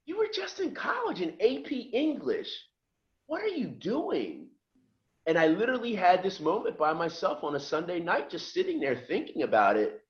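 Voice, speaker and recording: This clip is muffled, but the man's high voice comes through at a moderate pace. He's a middle-aged podcast guest from just outside Philadelphia, chatting casually about his life and animatedly performing the voices of those he quotes.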